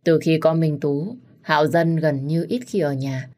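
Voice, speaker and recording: Low-voiced woman narrating a story. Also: steady tone, a little slow, a little mellow.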